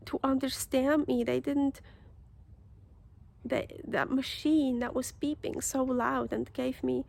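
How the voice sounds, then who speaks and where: Slow, halting woman with a gravelly voice. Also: high voice. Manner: halting, many restarts and fillers. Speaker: vlogger. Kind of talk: casual personal vlog.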